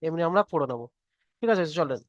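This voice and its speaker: Patient high-voiced male tutor. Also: expressive, fast talker, dry recording, muffled recording. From Bengal. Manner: patient, repeats each point and checks understanding. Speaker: Quran reading teacher. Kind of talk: online tutoring class.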